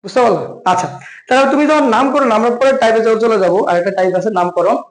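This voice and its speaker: A Bangladeshi Bengali man teaching an exam-prep chemistry lesson, with a very high voice that stays light and quick. He keeps firing questions at the viewer and answering them himself, often calling them brother. The sound is echoey, as if he is in a bare room. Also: expressive. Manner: quizzes listener then answers himself. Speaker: chemistry tutor.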